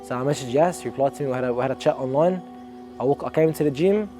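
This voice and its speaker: Fast-talking Australian young man. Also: medium pitch, music in the background. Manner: earnest, reflective, restarts sentences. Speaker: amateur boxer interviewee. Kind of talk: documentary interview.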